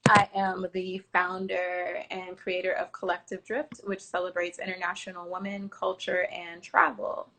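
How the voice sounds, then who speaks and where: A woman's voice: on the low side, moderate pace, hardly any pauses, slight background noise. A woman in her thirties from Miami, Florida, a travel platform founder telling her story in a casual interview, chatty and full of fillers. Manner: chatty, animated retelling with acted-out quotes and many fillers.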